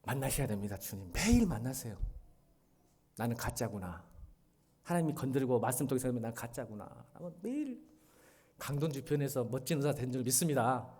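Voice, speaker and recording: A middle-aged male pastor delivers a Sunday sermon in a church. He talks to the congregation directly, shifting from quiet, earnest lines to loud, animated passages. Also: mid-range voice, fast talker, slightly rough. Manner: animated, swings from soft to loud when retelling a drama scene. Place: church sanctuary.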